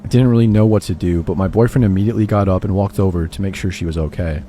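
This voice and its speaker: Low, dark-voiced male horror narrator. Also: quick pace, a little hiss or hum. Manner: steady first-person storytelling. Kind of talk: scripted horror story narration.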